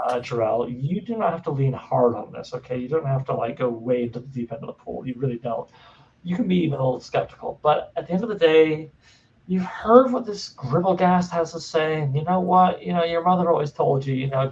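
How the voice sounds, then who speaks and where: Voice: medium pitch, darkish tone, distant mic. A game master improvising tabletop game narration in a playful, digressive, casual way. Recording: dull webcam audio with some noise.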